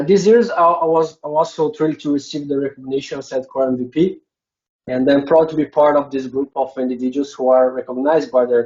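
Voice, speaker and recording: A Brazilian man giving a conference presentation speaks English as a non-native speaker with a Brazilian Portuguese accent, filling his talk with many hesitant filler sounds. His voice is medium-pitched and a little mellow, and the recording has its highs cut off.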